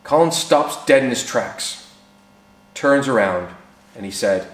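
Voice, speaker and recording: A man casually telling old racing anecdotes, animated and acting out the people he quotes, with relaxed fillers. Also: mid-range voice, slow pace, reverberant. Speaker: former racing team mechanic telling stories. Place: workshop.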